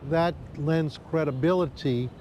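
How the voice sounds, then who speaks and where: A man's voice: fairly high pitch, a little slow, warm tone, a little hiss or hum. An American man giving interview commentary as a legal analyst.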